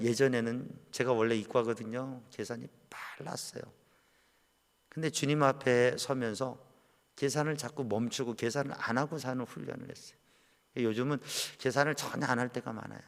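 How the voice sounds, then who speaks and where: Male pastor, mid-pitched, impassioned preacher, long church reverb. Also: creaky. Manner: impassioned preaching, swinging between loud cries and quiet low asides. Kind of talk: sermon. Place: church sanctuary.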